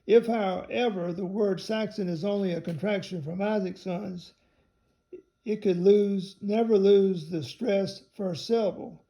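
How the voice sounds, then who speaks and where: A man with a high, gravelly voice reads a book aloud in a measured, careful way. He spells out some words letter by letter as he goes. His tone is dark and mellow. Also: fairly even intonation. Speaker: reader of a theology text.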